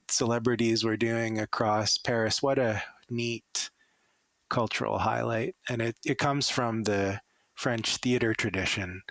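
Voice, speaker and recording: A man's voice: mid-range voice, fairly bright tone, dry recording. A man with a Canadian accent, a former Paralympic athlete, answering interview questions with enthusiastic stories. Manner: enthusiastic storytelling.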